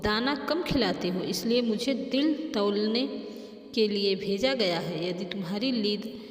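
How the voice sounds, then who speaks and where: A woman's voice: medium pitch, lively intonation, a little slow, close to an everyday voice. Woman reading as a greedy scheming male clerk. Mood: threatening. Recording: echoey room with long reverb.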